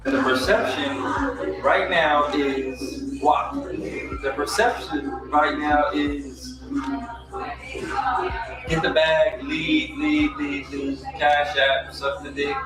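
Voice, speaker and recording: A man giving opinionated commentary in a measured, blunt way, repeating phrases for emphasis. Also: a little high, big pitch swings. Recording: very echoey, distant, loud music under.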